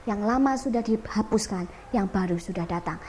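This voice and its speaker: A woman evangelist with an Indonesian accent preaching a sermon, swinging between loud emphatic peaks and low quiet asides. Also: moderate pace, slight background noise.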